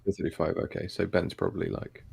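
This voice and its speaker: Deep, gravelly man bantering. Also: sing-song, quick pace, darkish tone. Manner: joking, banterous. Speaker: podcast co-host. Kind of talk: casual chat.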